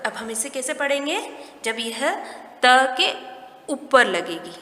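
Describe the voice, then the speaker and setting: A woman teaching a recorded lesson to young children, explaining each step slowly and asking simple questions along the way. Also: high voice, expressive, bright, forceful tone. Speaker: primary school teacher. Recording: echoey room with long reverb.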